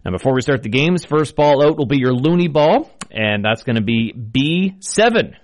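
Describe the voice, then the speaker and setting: A man hosts live radio bingo as the caller. His medium-pitched voice swings up and down in a lively way, and he repeats his announcements in a set formula from a studio. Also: moderate pace. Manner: repeats each call, formulaic.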